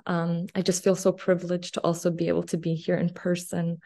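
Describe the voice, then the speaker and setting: Speaking from a small office room through her laptop webcam, this Afghan-born woman in her thirties, whose first language is Farsi, reads her poetry slowly on a video call. Her voice is lowish and dark, the delivery completely flat, and her measured, deliberate recitation leaves long pauses.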